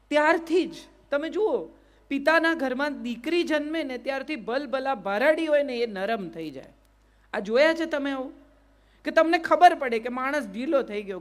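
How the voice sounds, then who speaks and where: A middle-aged woman, giving a motivational talk to a live audience and often asking them to answer yes or no. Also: high voice. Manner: questions the crowd and asks them to answer yes or no. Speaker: motivational speaker.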